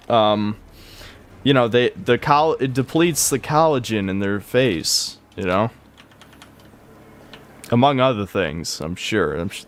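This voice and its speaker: A man's voice: medium pitch, slight background noise. A man in his twenties chatting casually on a live gaming stream, rambling and swearing in a bro-ish way. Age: 20s. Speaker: game streamer.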